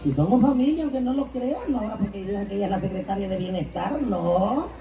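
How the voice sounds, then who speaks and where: A man from Mexico doing bawdy live stand-up at a party, shouting catchphrases to the crowd. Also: sits high, expressive, quick pace, music in the background. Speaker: stand-up comedian. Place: large event hall, party. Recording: roomy live PA sound from a distance.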